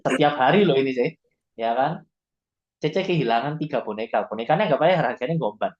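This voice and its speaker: Male sales trainer, chatty, mid-pitched, dull lo-fi recording. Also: lively intonation, a little fast. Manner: conversational, acts out sample dialogues.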